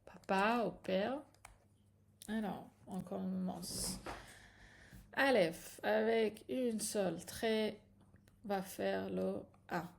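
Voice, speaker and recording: Slow, gravelly-voiced woman teaching. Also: mid-range voice. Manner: patient, checks in with "d'accord?" and "ok?". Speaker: Hebrew teacher. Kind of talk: step-by-step reading lesson.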